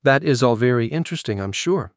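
A nasal, whiny female senator, skeptical and condescending, picking at every answer, as a male narrator puts her on. Her pitch sits a little above his usual mid range and the reading is dry and close. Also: animated, a little fast, dry recording, lightly acted. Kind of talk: audiobook character voice.

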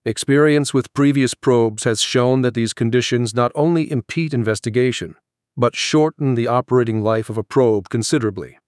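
A man reading the part of a male scientist who explains his work in a patient, measured way in an audiobook. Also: mid-range voice, a little mellow, no room sound, studio quality, lightly acted. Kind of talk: audiobook character voice.

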